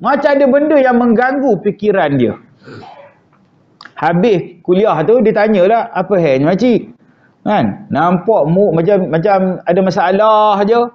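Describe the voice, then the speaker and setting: A man's voice: high voice, expressive, a little slow, dull audio. A Malaysian man teaching an evening mosque lecture in a joking, conversational way, often acting out quoted wives. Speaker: religious teacher. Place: prayer hall.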